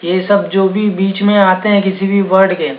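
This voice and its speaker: A man's voice: high voice, flat delivery, normal speed. A man teaching an exam-prep Hindi lesson, walking through each answer option and patiently repeating the key words. His voice sounds thin and phone-like, with a roomy echo around it and a faint hiss underneath. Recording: echoey room, tinny phone-like sound.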